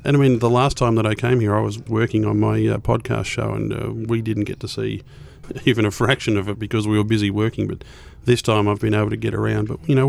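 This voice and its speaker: A man with an Australian accent and a croaky, hoarse voice, chatting enthusiastically as an interview guest. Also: lowish voice, a little mellow. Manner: talks fast with restarts, enthusiastic. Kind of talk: casual interview chat.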